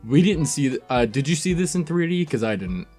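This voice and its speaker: A man's voice: on the high side, big pitch swings, a little mellow, soft background music. A man co-hosting a casual film review chat, joking around and swearing freely. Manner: casual, swears freely, quick jokey asides.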